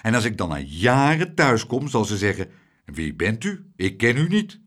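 A man's voice: lowish voice, wildly swooping pitch, moderate pace, a bit bright, heavily acted. A man voicing a timid, fretful middle-aged husband in an audiobook, whining and self-pitying.

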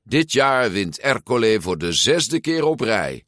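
A man's voice: medium pitch, very animated, a little slow, a bit bright, no echo, studio quality, pitched above the performer's own voice. A man voicing a boastful, mocking teenage boy bully in a storybook reading. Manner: mocking, showy.

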